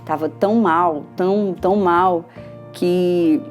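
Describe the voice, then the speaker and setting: A woman's voice: lowish voice, slow pace, soft background music. Emotional Brazilian woman telling her story. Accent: Brazilian Portuguese. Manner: emotional, lively retelling with quoted dialogue. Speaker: patient giving a testimonial. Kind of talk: personal testimonial storytelling.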